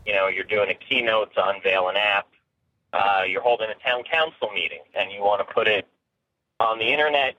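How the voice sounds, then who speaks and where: A man's voice: fairly low pitch, dry recording. A man calling into a show on a speakerphone from his car, chatting casually with lots of ums and uhs. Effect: phone line on speakerphone. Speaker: caller. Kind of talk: casual call-in chat. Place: in his car on a snowy road. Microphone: phone on speaker. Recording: tinny phone line from a car.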